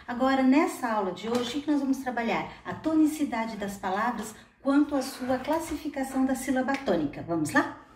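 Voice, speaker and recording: A woman teacher with a Brazilian Portuguese accent, giving a video lesson to schoolchildren and slowly stressing syllables as she sounds out words. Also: high voice, lively intonation, a little mellow, a little hiss or hum.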